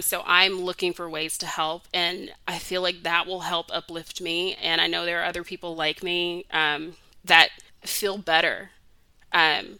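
A woman's voice: fairly low pitch, pushed and bright, no echo. A young adult woman hosting a solo podcast, talking in an earnest, heartfelt way with lots of "like" fillers, her voice close to cracking with emotion. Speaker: podcast host.

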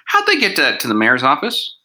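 A man's voice: fairly high pitch, wildly swooping pitch, a little fast, pushed and bright, rough recording. A man hosting a casual podcast reviewing TV episodes, chatty and sarcastic, with lots of asides. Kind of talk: casual chat.

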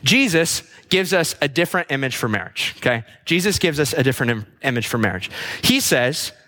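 A man's voice: expressive, brisk, bright, forceful tone. A man preaching a sermon, emphatic and repetitive, asking rhetorical questions and letting his voice sink and fall away at the ends of lists. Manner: drops pitch and trails off at the ends of lists. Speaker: pastor.

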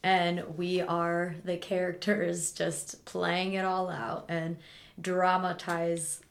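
Slow easygoing woman cohost, lowish voice, laughs a lot, thoughtful. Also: completely flat delivery, vocal fry. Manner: slow, reflective, laughs easily. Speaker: podcast co-host. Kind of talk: casual chat.

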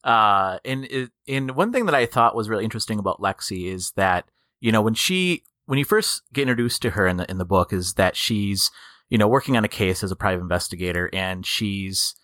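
A man conducting a casual interview, halting and repeating words as he forms his questions. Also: on the low side, expressive, a bit bright, no room sound, studio quality.

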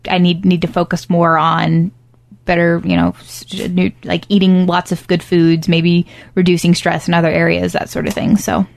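A woman's voice: on the low side, flat delivery, moderate pace, gravelly. A woman co-hosting a show, talking in an easygoing, reassuring, chatty way. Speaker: podcast co-host. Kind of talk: casual chat.

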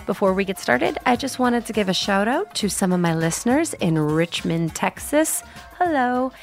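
A woman's voice: medium pitch, expressive, normal speed, soft background music. A woman hosting a podcast as a medium, talking casually and upbeat while sick. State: sick, congested.

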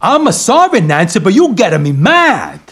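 A man playing a theatrical Italian barber in a comic radio play, heavy Italian accent and broken English. His voice is husky and pitched a bit high, and it swings wildly up and down as he pleads and protests. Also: huge pitch swings, moderate pace, fairly bright tone, heavily acted. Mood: indignant. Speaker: actor. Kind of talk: comedic audio drama acting.

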